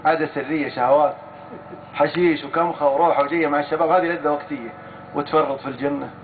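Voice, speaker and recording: A man preaching a sermon with a Saudi Gulf accent, telling stories and speaking emphatically, often swearing oaths and addressing the crowd directly. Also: a little high. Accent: Saudi Gulf Arabic. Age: adult with a young daughter. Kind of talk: sermon with storytelling. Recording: tinny lo-fi phone-like recording with faint hiss.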